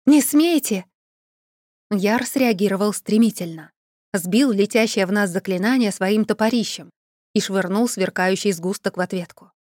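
Woman audiobook narrator, first-person fantasy, expressive, dry close studio sound. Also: medium pitch, moderate pace, dry recording.

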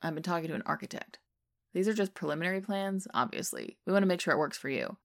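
A woman reading the lines of a caring middle-aged husband, who explains things gently and earnestly. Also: on the low side, lively intonation, fast, gravelly.

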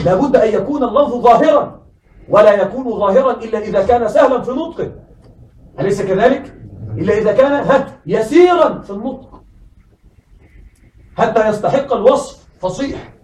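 High-voiced man teaching in an echoey classroom. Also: darkish tone, distant mic. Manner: questioning, repeats words slowly for students. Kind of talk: classroom lesson.

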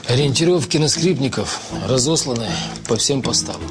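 A man's voice: medium pitch, normal speed, over loud music, lightly acted. An actor playing a composed, probing and sardonic male Soviet police investigator in a screen crime drama. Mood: matter-of-fact.

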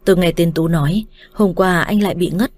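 With a calm, deliberate manner and fairly low pitch, a female narrator reads a romance story told in the first person, audiobook style.

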